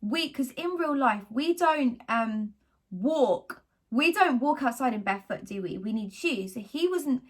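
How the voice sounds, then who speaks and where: A woman, talking casually to camera about her faith in a rambling, animated way. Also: fairly high pitch. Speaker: vlogger sharing faith testimony.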